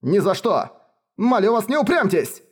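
A loyal royal advisor shouts urgent commands to protect his princess, voiced by a man reading an audiobook. His voice is raised and forceful. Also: on the high side, very animated, unhurried, breathy edge, heavily acted.

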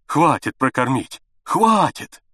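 A frantic middle-aged peasant father, as a male reader puts him on, begging in a storybook. His pleas leap from low hushed whispers to high, cracking cries. The recording is close and dry. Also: lively intonation, normal speed, breathy edge, no echo.

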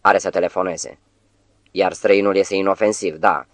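Man reading exultant young witch, audiobook, deep low voice, dry close sound. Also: fairly even intonation, no room sound, natural voice.

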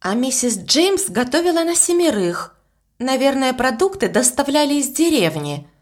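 A woman's voice: high-pitched, big pitch swings, moderate pace, pitched above the performer's own voice. A woman voicing a sensible, determined young girl who talks in a firm, practical way, reading an audiobook. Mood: thoughtful. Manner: firm, practical, reasoning aloud.

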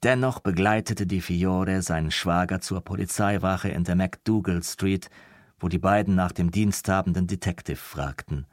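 A man reads an audiobook in a measured, even storytelling manner. His voice is very low and deep. The recording is dry and close, with no room sound. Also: no echo. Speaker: audiobook narrator. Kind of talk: scripted audiobook narration.

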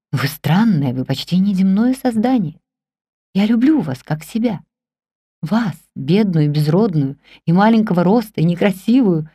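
Woman reader doing an ardent middle-aged man: low, intense, dry close audiobook sound. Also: dark tone, no echo. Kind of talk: audiobook character reading.

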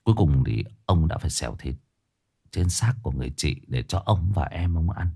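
Animated man telling a grim tale. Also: fairly quick, gravelly, slightly rough. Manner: animated, swings from high emphatic bursts to low somber drops; addresses listeners directly, casual with restarts. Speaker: storyteller. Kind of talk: spoken storytelling to listeners.

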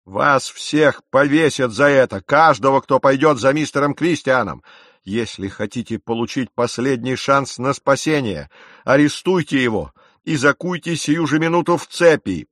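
A man voicing a furious, domineering ship captain who shouts and rages at his crew. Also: on the high side, unhurried, no room sound, studio quality, voice pushed up. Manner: shouting, raging, commanding.

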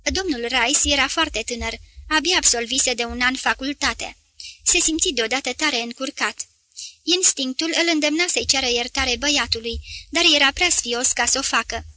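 Bright high-voiced woman reading a novel. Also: no room sound. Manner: even, measured reading. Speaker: audiobook reader. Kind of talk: scripted literary narration.

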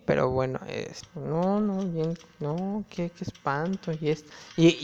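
A young man tells gossipy stories about his classes, casual and full of fillers. The recording sounds dull and lo-fi, with a long reverb and faint music in the background. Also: sits high. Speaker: student vlogger. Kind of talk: casual storytelling.

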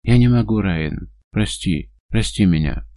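A man's voice: deep voice, expressive, moderate pace, creaky, warm tone, dry recording. A man voicing a frightened, tearful young woman who pleads and sobs with a breaking voice. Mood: despairing.

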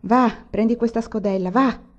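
A woman's voice: fairly high pitch, moderate pace, highs cut off, voice pushed up, lightly acted. A woman reader voicing a pious, fussing old village aunt who urges a boy on. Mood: urgent coaxing. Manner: urgent, coaxing.

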